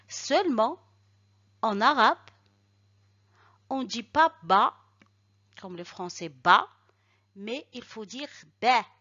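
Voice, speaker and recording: A woman teaching Arabic letters and short vowels, speaking slowly and deliberately and pronouncing each syllable carefully for learners to repeat. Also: on the high side, expressive, bright, forceful tone. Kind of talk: slow instructional lesson. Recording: dull lo-fi recording.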